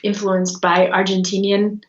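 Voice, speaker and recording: Young woman from Russia, relaxed guest answers, echoey lo-fi video-call audio. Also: mid-range voice, unhurried, slight background noise. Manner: relaxed, with many ums and you-knows. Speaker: guest musician. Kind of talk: casual interview answers. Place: small room at home, indoors. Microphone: video call with earbud headset.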